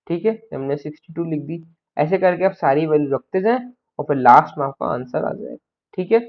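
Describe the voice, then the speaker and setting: High-pitched man tutoring math. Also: highs cut off. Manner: explains step by step, repeats "है ना" check-ins. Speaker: maths tutor. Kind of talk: recorded math lecture.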